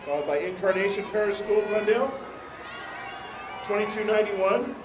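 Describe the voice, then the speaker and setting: A man's voice: high-pitched, moderate pace. An American man doing live parade commentary as co-host, with cheerful, folksy banter. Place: outdoors at a street parade. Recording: echoey outdoor PA, crowd and street noise.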